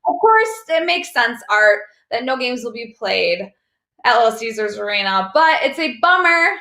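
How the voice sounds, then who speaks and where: A woman co-hosting a sports talk show, her voice bright and fairly high. She sounds upbeat as she moves the show along, with a roomy echo around her. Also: sing-song, moderate pace. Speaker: co-host.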